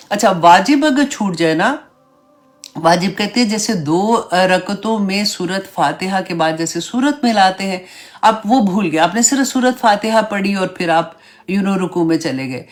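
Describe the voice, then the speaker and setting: A woman's voice: medium pitch, expressive. A woman teaching an online Islamic class in a conversational way. She often drops English words into her Urdu and checks in with her listeners. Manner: checks in with listeners, "right?", "hai na?". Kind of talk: online religious class lecture.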